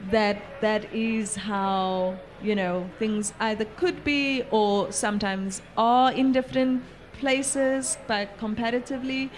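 A woman's voice: on the high side, fairly even intonation, takes it slowly, few pauses, a little hiss or hum. A woman moderating a panel, reflecting aloud in a thoughtful, searching way. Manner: thoughtful, with many fillers and restarts.

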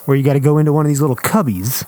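A man's voice: on the high side, very fast, warm tone. A man co-hosting a casual podcast who teases his partner with incredulous questions and laughs easily. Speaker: podcast co-host. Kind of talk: casual chat.

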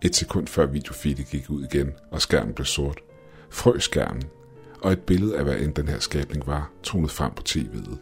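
A man narrating a scripted horror story in a measured, ominous way. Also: very deep voice, animated, faint music behind.

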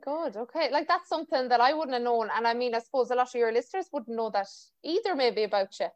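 A woman's voice: a little high, expressive, fast talker, no room sound. A woman with a West of Ireland accent hosting a podcast in a chatty, informal interview style. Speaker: podcast host. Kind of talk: casual interview chat.

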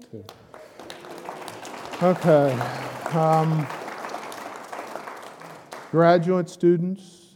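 Rambling, joking middle-aged pastor. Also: male voice, on the high side, noisy background. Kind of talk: casual address to a church group. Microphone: handheld microphone. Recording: long hall reverb with murmuring crowd.

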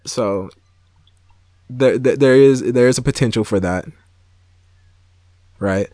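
A man with a middle-pitched voice in casual podcast banter. He teases, hesitates and restarts his sentences. The sound is dry and close. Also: slow, mellow, dry recording. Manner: teasing, hesitant, trails off and restarts. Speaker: podcast co-host.

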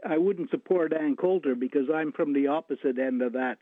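A male caller on a talk radio show, heard over the phone, talking haltingly with many restarts. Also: fairly high pitch, no room sound. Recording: tinny dry phone line.

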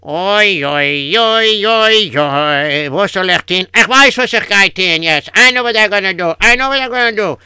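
A man's voice: high-pitched, expressive, normal speed, hardly any pauses, pushed and bright, clean tone, no echo, heavily acted. A man playing a fretful Yiddish-accented husband. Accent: Yiddish-inflected English. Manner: kvetching, sighing oy vey. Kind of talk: improvised comic radio story.

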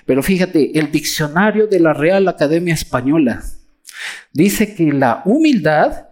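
Preacher, Mexican accent, sermon, slow deliberate delivery, lively rising and falling voice. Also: medium pitch. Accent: Mexican Spanish. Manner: animated, acts out mocking quotes of others.

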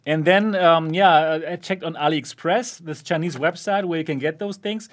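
Man, high-pitched voice, podcast host, casual chat, laughs often. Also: moderate pace. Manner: laughs often while talking. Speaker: host of a VR channel.

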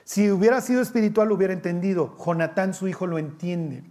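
Lively high-voiced preacher. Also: male voice, quick pace. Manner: animated, asks the congregation questions and acts out quoted voices. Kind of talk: sermon.

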